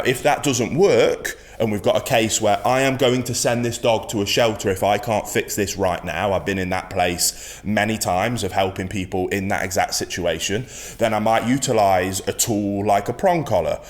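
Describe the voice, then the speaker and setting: A man's voice: fairly low pitch, normal speed. A man teaching as a dog trainer, giving an instructional talk in a firm, emphatic way and repeating his key points.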